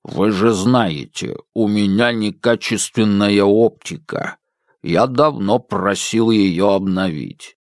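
A lumbering old household robot, put on by a male reader, speaks in a low, dragging, deadpan rumble. Earnest and faintly pompous. Dry, close recording. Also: dry recording. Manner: slow, flat, self-important.

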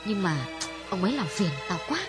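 A woman voicing a frank, worldly young woman in an audiobook, speaking bluntly to a friend in a husky voice. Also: sits high, animated, a little fast, over loud music. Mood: earnest, candid. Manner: frank, dismissive storytelling. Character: calm, worldly young Vietnamese woman, older sister.

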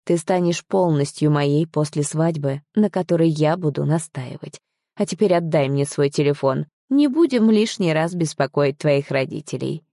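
A smug, possessive young man who gives orders and mocks, read by a woman narrator in a low, dark voice. The sound is dry and close, with no room around it. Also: moderate pace, no echo. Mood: smug, commanding. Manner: mocking, commanding.

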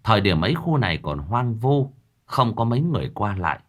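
Low-voiced man telling a ghost story. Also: sing-song, a little fast. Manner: dramatic, vivid storytelling. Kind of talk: horror story narration.

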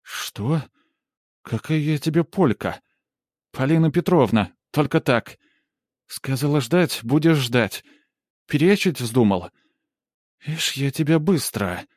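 A man voicing a domineering, wheedling middle-aged woman in a dry, close audiobook reading, shrill and theatrical. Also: expressive, slow, pauses often, a little mellow, dry recording. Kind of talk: audiobook character voice.

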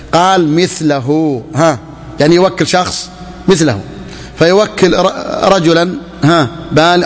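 Male religious teacher, raised pitch, slow when reading the text, reverberant hall. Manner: repeats key phrases, asks and answers his own questions; slows down when quoting the text. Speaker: sheikh teaching Islamic jurisprudence. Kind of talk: classroom lecture explaining a text.

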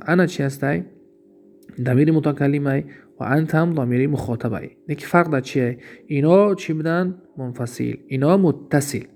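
His voice is medium-pitched, gravelly, and a little mellow. Speaking with a Tajik accent, he slowly explains Arabic grammar in a recorded lesson, reading and translating each example and answering his own questions.

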